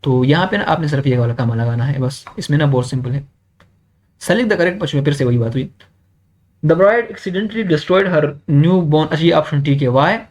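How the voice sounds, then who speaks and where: A young man, teaching an exam-prep grammar lesson, who keeps checking in with students and reads English examples slowly. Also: medium pitch.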